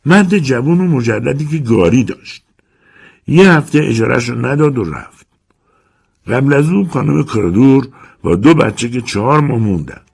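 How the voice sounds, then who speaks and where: A man voicing a shrewd, money-minded landlady in a high, brisk voice. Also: lively intonation, creaky, husky. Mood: matter-of-fact.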